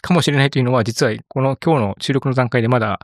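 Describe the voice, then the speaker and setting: A middle-aged man hosting a podcast, running through announcements in a brisk, chatty way. He speaks quickly in a mid-range voice, recorded close with no room sound. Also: medium pitch, no room sound. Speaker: podcast host. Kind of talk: casual podcast chat.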